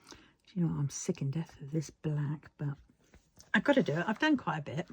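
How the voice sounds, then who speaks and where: A British woman chatting casually while crafting, musing half to herself in a husky, breathy voice. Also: low voice, sing-song, fairly quick, a bit bright.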